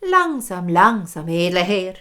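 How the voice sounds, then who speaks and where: A woman storyteller with a Swiss German accent voicing a repulsive old woman who bargains slowly and slyly. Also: lowish voice, very animated, pushed and bright, full character voice. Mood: sly, bargaining.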